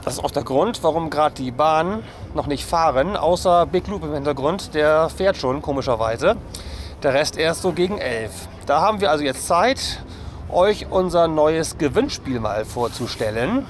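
Filming with a camera held at arm's length, this man in his forties hosts a relaxed family vlog at a lakeside amusement park. His voice is slightly high and expressive, with a German accent and normal speed, and there's a little background noise.

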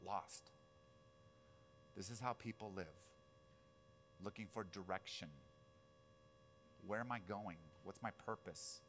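A man's voice: lowish voice, fairly even intonation, slow pace, pauses often, a bit bright, slight background noise. Man, forties, pastor, casual sermon, storytelling, frequent asides to the audience. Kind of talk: conversational sermon.

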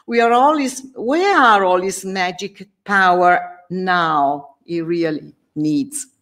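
A woman's voice: fairly low pitch, slow pace, a bit bright, voice pushed up. A woman reading an indignant knight.

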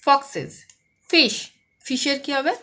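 A woman with a high voice and a West Bengal accent gives an online lesson to young children. She asks a question, then answers it herself. Each English word comes out slow and clearly stressed. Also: animated, bright, forceful tone. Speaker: primary school English tutor.

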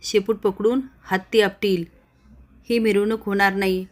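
A woman's voice: mid-range voice, little pitch movement, moderate pace, close to an everyday voice. A woman voicing a stern male village police officer who threatens and lectures the crowd. It is a spoken retelling of a TV serial. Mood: stern, threatening.

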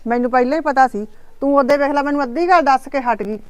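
A woman's voice: high-pitched, fast, no room sound, lightly acted. A woman playing a worried middle-aged mother who frets and scolds in homely village talk. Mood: distressed. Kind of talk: village family drama acting.

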